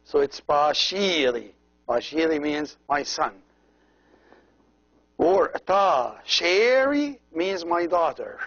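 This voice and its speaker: A man teaching a language lesson as a priest, slowly repeating each word and explaining how every letter is pronounced. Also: a little high, very animated, fairly bright tone. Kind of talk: slow, patient language lesson. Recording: dull lo-fi recording.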